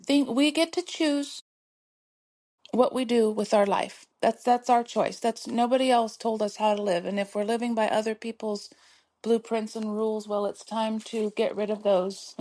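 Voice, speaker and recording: A middle-aged woman hosts her own podcast in a fairly high, slightly mellow voice, giving a motivational solo talk. She's soothing and encouraging, and laughs a lot while urging listeners to carry on.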